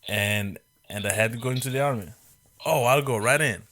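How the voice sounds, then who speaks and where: A man's voice: mid-range voice, brisk, a bit bright. A man in his twenties hosting a podcast in casual chat, rambling and joking, with many restarts. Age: 20s. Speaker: podcast host.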